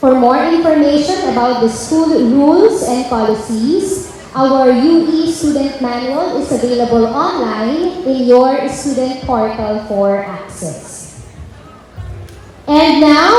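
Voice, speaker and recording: Woman stage emcee, high voice, unhurried formal delivery, heavy hall echo with a murmuring crowd. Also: darkish tone. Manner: clear formal announcing. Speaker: event emcee. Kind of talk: stage announcing. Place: large theater hall. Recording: echoey theater with audience noise.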